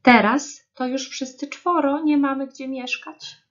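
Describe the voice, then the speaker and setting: A woman voicing a generous but huffy squirrel in a storybook reading, speaking loudly. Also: medium pitch, animated, unhurried, lo-fi sound. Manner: loud, huffy.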